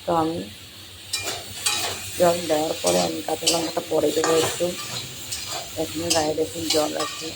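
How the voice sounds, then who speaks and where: A home cook with a voice gone hoarse from a cold, explaining a recipe step by step and addressing viewers as friends. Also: mid-range voice, monotone, normal speed, pauses often, very noisy. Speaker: home cook hosting a cooking channel. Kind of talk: cooking tutorial with step-by-step talk. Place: home kitchen. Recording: home kitchen with sizzling and clattering pans.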